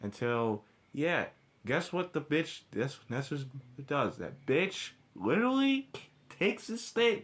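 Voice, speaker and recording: His voice is mid-range and a bit bright. Reviewing a cartoon episode, the man rants bluntly and profanely in an informal way, his speech halting through repeated restarts and backtracking.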